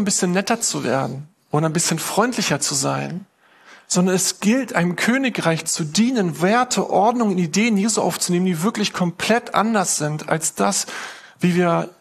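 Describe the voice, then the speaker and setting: A man preaching a sermon in a lively storytelling way, acting out quoted prayers and voices. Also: high-pitched, moderate pace, creaky, slightly rough. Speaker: pastor.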